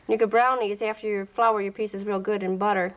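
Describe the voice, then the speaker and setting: A woman's voice: medium pitch, flat delivery, a little fast, poor audio. A woman demonstrating a recipe on a 1980s TV show, plainspoken and instructive. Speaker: guest cook. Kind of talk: cooking demonstration. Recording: 1980s TV broadcast audio.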